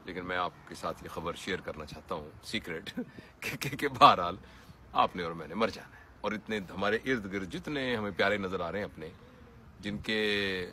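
Earnest man giving a lively talk. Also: on the low side, a little hiss or hum. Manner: earnest, preaching, rises to emphatic peaks. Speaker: motivational speaker. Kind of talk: motivational talk.

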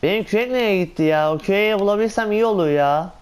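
A man giving casual, excitable commentary on his own gameplay, talking to himself and exclaiming often. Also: sits high, fast, smooth. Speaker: gaming channel host.

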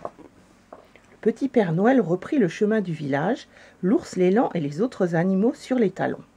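A woman reading a children's story aloud, with calm, gentle narration. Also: medium pitch, normal speed, breathy edge.

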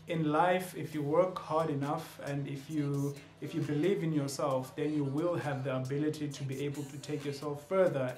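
Speaking with a South African accent, a young male YouTuber gives a casual self-introduction on his video channel full of playful asides and switches between languages. His voice sits on the high side with a darkish tone. A camera close by picks him up in a small shelved indoor room, giving a roomy sound with a little hiss or hum.

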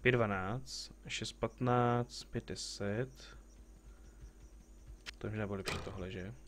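A man's voice: on the low side, steady tone, fairly bright tone. A man streaming a game, chatting casually, joking with the characters on screen and greeting viewers as they arrive. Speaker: live streamer playing a game. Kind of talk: casual gameplay commentary.

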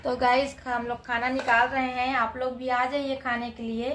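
Young woman chatting thru her day on a phone cam, highish voice, bit of noise behind. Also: flat delivery, normal speed, a bit bright. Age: 20s. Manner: chatty, shows things to viewers. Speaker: vlogger. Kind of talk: casual home vlog chat. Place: home kitchen and rooftop.

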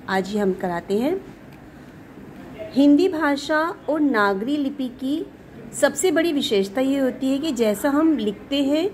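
A woman teaching a recorded Hindi grammar lesson, saying each word slowly, often twice, and clearing her throat now and then. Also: a little high, a little mellow, slight background noise. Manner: slow, careful, repeats each word for pronunciation.

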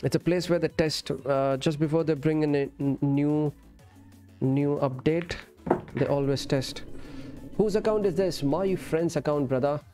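His voice sits on the high side with a dark tone, and he takes his time as he chats while streaming a game. Friendly and casual, he calls viewers friend and brother and switches between English and Urdu, with music playing in his indoor setup.

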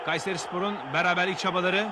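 A man narrating football match highlights as the commentator. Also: fairly even intonation, quick pace. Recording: loud crowd noise behind, noisy outdoor audio. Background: stadium crowd.

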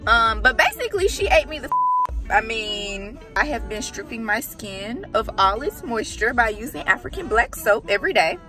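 A young woman chatting to her phone camera in a parked car, casual and expressive with slangy asides. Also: fairly high pitch, normal speed, over loud music. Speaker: lifestyle vlogger. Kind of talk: casual vlog narration. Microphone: phone camera at arm's length.

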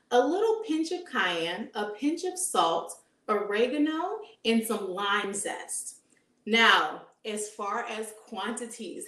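A woman in her thirties, a dietitian, giving an upbeat live cooking demonstration in a home kitchen and asking her audience questions. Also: a little high. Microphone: camera at medium distance. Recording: echoey kitchen room sound.

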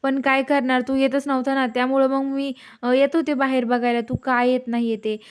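A woman reading a gentle young woman, plaintive, questioning, high voice, retold serial story. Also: level tone, moderate pace, smooth, natural voice.

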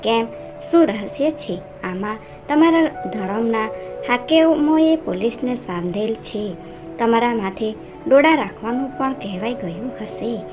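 A woman's voice: a little high, animated, measured pace. A woman reading the lines of a friendly, lame former railway worker in a storybook narration, plain and helpful. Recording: narration over music.

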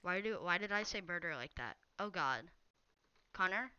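A woman's voice: fairly low pitch, lively intonation, moderate pace, pushed and bright, clean tone, dull audio. A young woman live-streaming a game, chatting casually and teasing viewers as she reads their messages. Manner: teasing, talks straight to viewers reading chat. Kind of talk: casual live-stream chat while gaming.

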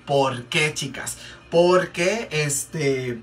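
A man's voice: fairly high pitch, drawn-out words. Chatty Mexican man gossiping, distant mic. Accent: Mexican Spanish. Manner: chatty, rambling, many fillers and repeats. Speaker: makeup vlogger. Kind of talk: casual gossip storytime. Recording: distant mic, faint background noise.

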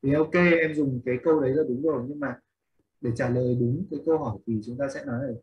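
A man's voice: medium pitch, fast talker, muffled recording. A man teaching an English class in Vietnamese, explaining a reading step by step and questioning his students as he goes. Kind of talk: online class instruction.

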